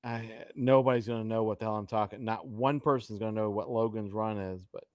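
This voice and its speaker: A man's voice: lowish voice, fairly even intonation, brisk, no room sound, clean studio sound. A middle-aged man co-hosting a casual live-stream chat, joking and exclaiming often with trailing asides.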